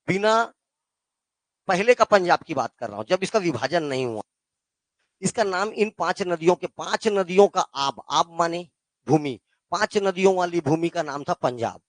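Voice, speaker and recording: High-voiced Hindi teacher quizzing his class. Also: expressive, a little slow, no echo. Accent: Chhattisgarh Hindi. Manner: quizzes students with call-and-response questions; addresses students as "beta". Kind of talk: classroom geography lesson.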